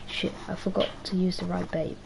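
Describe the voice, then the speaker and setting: A woman's voice: fairly low pitch, level tone, brisk, gravelly, noisy background. A young woman livestreaming a game, rambling in a casual, slangy way with a strained, worn-out voice. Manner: rambling, slangy, swears, talks to herself. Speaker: gaming livestreamer. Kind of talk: casual live-stream chat while playing.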